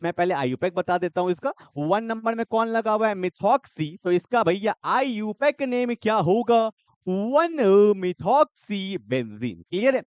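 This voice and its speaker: A man's voice: high voice, moderate pace, few pauses, smooth, no room sound, muffled recording. A man teaching chemistry in an exam-prep lecture, keeps quizzing his students with repeated questions.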